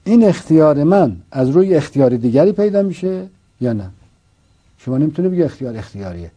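Fairly high and mellow, this man's sing-song delivery carries a philosophical argument he explains as a teacher would. Rhetorical questions and repeated points are how he makes his case.

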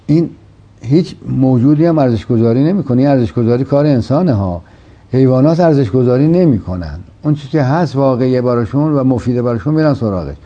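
Man talking religion in a dark husky voice, slow and careful, kinda muffled recording. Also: mid-range voice, animated. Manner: measured, explanatory, quotes Quranic verses. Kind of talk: reflective religious discussion. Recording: dull lo-fi sound.

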